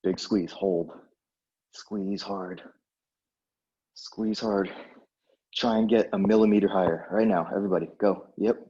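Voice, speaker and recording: Husky male aerobics instructor. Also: low-pitched, dark tone, muffled recording. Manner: aerobics instructor style, short encouraging cues and counts; casual, exerting himself while demonstrating. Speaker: fitness instructor. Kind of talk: live workout coaching with countdowns.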